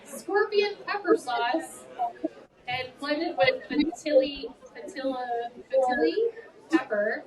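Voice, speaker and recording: A high-pitched woman hosts a hot sauce challenge, caught by a distant mic. She talks casually through the pain of a mouth burning from spicy food. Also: slow, a crowd in the background. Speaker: hot wings challenge host. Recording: live room, distant mic, audience noise.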